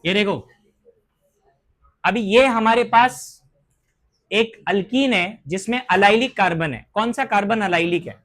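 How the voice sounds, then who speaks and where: A man's voice: sits high, fairly bright tone. A man delivers a chemistry lecture. He drags out each English term as if dictating it to the class. He keeps asking questions and then answering them himself. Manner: slows to dictate English terms, asks and answers own questions. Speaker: chemistry teacher.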